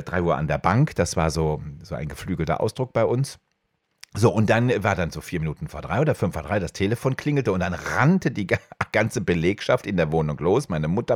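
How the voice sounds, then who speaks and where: Animated German man telling stories. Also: no echo, clean studio sound. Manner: animated, jumps high when quoting others. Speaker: podcast host. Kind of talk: casual storytelling chat. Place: home studio.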